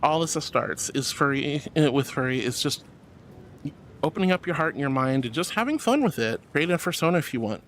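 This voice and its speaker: A woman's voice: low voice, animated, a little fast, slight background noise. A woman hosting a casual livestream, reading chat aloud and replying affectionately with pet names, often giggly. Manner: affectionate, uses pet names like honey and sweetie; giggly, laughs often while talking. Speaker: livestream host.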